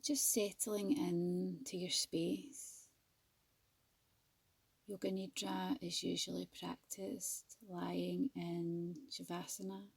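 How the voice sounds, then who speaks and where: A woman teaching yoga nidra leads a very slow meditation in a lowish, level voice that is soft, husky and slightly creaky. She soothes gently, leaving measured pauses between phrases. There's no echo, but the recording quality is low.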